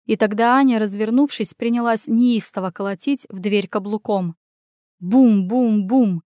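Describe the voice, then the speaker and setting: Expressive woman narrating a fantasy audiobook. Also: medium pitch, moderate pace, no echo, clean studio sound. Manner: expressive storytelling.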